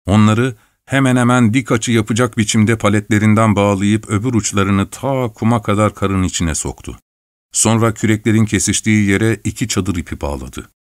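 A man narrating an adventure story aloud in a dramatic, measured reading. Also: fairly low pitch, no echo, clean studio sound. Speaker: audiobook narrator.

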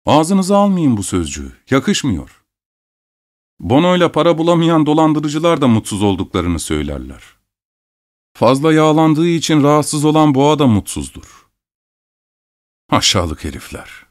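A man voicing a bitter male doctor who shouts with scornful indignation. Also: a little high, big pitch swings, normal speed, long pauses, voice pushed up.

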